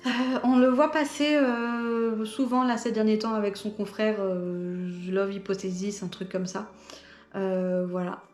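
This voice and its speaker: A woman's voice: medium pitch, steady tone, measured pace, darkish tone, reverberant, soft background music. A woman chatting casually about the books she bought, hesitating often with fillers. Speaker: book vlogger. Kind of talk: casual book haul chat.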